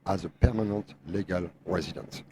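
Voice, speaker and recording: A middle-aged French man with a low, mellow voice and a French accent tinged with Tennessee. He talks emphatically in non-native English, repeating phrases as he argues his point, with some background noise. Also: moderate pace. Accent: French mixed with Tennessee. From France. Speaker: guest truck driver, owner operator. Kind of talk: opinionated podcast talk.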